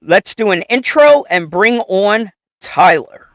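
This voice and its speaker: A man hosting a podcast livestream in an upbeat, casual way, talking quickly with fillers. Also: high voice, expressive, fairly bright tone, no room sound, lo-fi sound. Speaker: podcast host.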